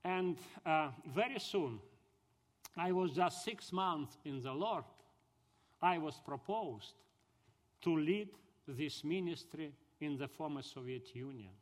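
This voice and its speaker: A man from southern Ukraine with a high voice and a Ukrainian accent gives his personal conversion testimony in broken English. His storytelling is halting but earnest, with lively intonation, and the recording carries a long hall reverb.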